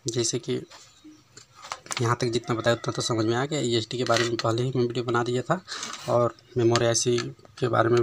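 Man, TV repair tutor, chatty and relaxed, phone mic over the bench, faint hiss. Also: medium pitch, vocal fry. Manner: conversational, keeps adding "है ना" and "दोस्तों". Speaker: TV repair instructor. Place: workshop bench, voice behind handheld phone camera.

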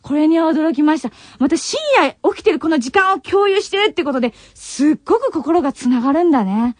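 A woman's voice: sits high, expressive, fairly quick, no echo. A young woman hosting a late-night radio show in Nagoya dialect, voice worn from crying as she says an emotional farewell, heard on a muffled old cassette tape. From Tokai region of Japan. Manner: emotional farewell, voice choking with tears between laughs. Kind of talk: radio talk, reading listener letters. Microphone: studio radio mic.

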